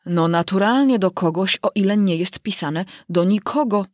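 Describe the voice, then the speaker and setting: A woman's voice: mid-range voice, normal speed, a little mellow, no echo, studio quality, lightly acted. Woman putting on a pompous old king.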